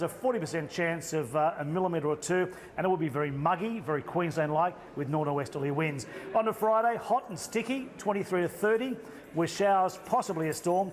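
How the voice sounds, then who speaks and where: A man with an Australian accent presenting a TV weather forecast from an outdoor location, in a playful, jokey way. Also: a little high.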